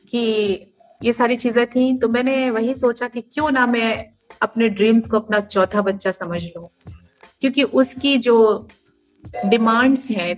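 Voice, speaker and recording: A woman in her thirties, a mother and podcast guest, giving earnest, emphatic advice and explaining it through everyday comparisons. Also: fairly high pitch. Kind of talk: podcast interview answers.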